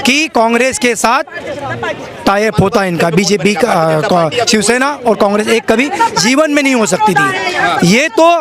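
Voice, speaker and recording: A man from Maharashtra giving an emphatic, repetitive street interview outdoors. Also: extremely high pitch. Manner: emphatic, repeats points. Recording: outdoor crowd noise.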